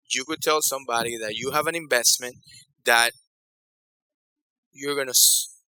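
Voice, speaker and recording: A man's voice: mid-range voice, pushed and bright, no room sound, low-quality recording. A man from Ecuador leading a conference breakout session on decision-making, talking conversationally and repeating phrases for emphasis. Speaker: workshop facilitator.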